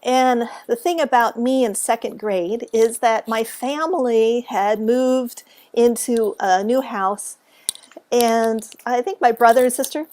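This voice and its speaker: A woman telling a story to camera in a relaxed, animated way, acting out what people said and laughing along the way. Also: fairly high pitch, slight background noise. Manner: animated, acts out quotes, laughs often. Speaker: author and speaker. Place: at home.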